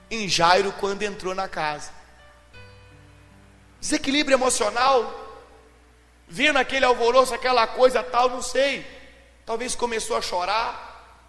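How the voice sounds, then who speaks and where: A man preaching a sermon as pastor, dramatic, moving between shouted lines and low, intense speech. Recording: long hall reverb with faint music.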